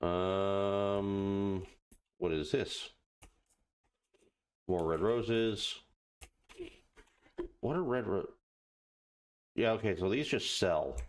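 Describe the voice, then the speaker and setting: A man giving casual let's play commentary, muttering halting asides to himself and reading on-screen text aloud. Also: lowish voice, clean tone. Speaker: gaming video host.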